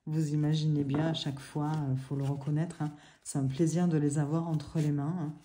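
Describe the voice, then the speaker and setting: A woman's voice: deep voice, level tone, normal speed, mellow. A woman casually reviewing an oracle deck at home, chatty, with many fillers and little apologies. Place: living room at home. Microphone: camera on a tripod.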